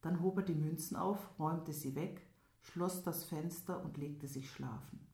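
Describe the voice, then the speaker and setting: A woman reading a fairy tale aloud as storyteller in an even, steady way. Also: low-pitched, measured pace, creaky. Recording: roomy echo.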